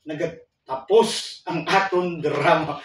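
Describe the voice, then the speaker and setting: A man in an old radio show, acting a radio drama spoof in a melodramatic way, with shouting and wailing. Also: on the high side, takes it slowly, distant mic, a little hiss or hum. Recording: echoey room voice from afar.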